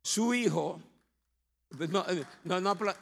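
Gravelly-voiced Puerto Rican pastor. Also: male voice, sits high, slow. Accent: Puerto Rican Spanish. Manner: humorous storytelling with acted quotes. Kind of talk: testimony sermon. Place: church sanctuary. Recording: long hall reverb.

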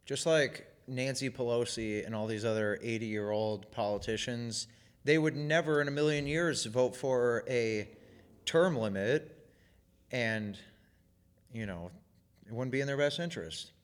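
Male podcast co-host, casual chat, sarcastic, medium pitch. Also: measured pace.

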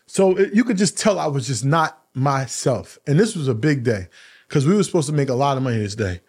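A man hosting a podcast, telling a personal story in a casual, animated way, often repeating words and using slang. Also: fairly quick, slightly rough. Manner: animated, acts out quoted dialogue with raised pitch; uses casual slang and profanity. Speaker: podcast host.

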